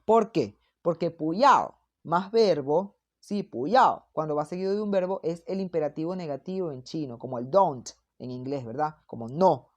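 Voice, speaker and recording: A woman teaching a language lesson. She explains patiently and repeats each example slowly and carefully, often checking in with "¿sí?" and "¿verdad?". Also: low-pitched. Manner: frequent checking tags and fillers. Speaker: Mandarin teacher.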